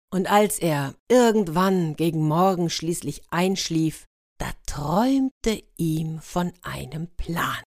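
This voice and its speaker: Expressive woman telling a fairy tale. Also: low-pitched, no echo, studio quality. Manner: expressive, dramatic storytelling. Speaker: storyteller.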